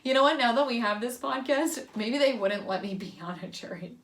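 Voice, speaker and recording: A woman's voice: a little high, lively intonation, brisk, crowd noise. A young woman co-hosting a casual true-crime podcast, chatty and eager, a bit sleepy from wine. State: sleepy, yawning. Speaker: podcast co-host. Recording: echoey room, mic at a distance, faint noise.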